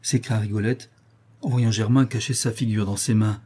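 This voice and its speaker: A man narrating a novel in a measured, subdued reading voice. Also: on the low side, steady tone, dark tone, slightly rough. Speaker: audiobook narrator.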